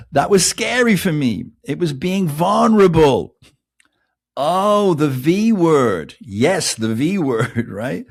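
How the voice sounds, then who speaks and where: Gravelly man with animated delivery. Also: fairly high pitch. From England. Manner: joking, self-mocking, full of rhetorical questions. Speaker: podcast host. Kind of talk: casual motivational monologue.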